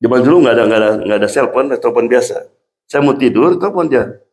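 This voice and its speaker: A man's voice: mid-range voice, fast talker. A man, an imam, telling stories in a sermon and slipping English phrases into his talk. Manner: mixes Indonesian with English phrases; animated storytelling with acted-out quotes. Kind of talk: storytelling sermon. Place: mosque hall. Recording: echoey mosque hall.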